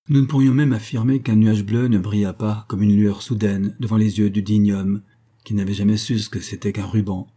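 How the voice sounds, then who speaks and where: A man giving a measured, even reading of a classic novel as narrator. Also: fairly low pitch, husky. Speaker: audiobook reader.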